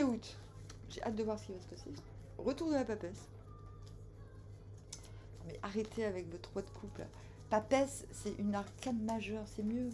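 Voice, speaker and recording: This tarot reader, a woman, talks to her viewers casually and directly, alternating jokes, teasing and reprimands with sudden loud bursts and soft asides. Her voice is mid-range, with a little background noise audible.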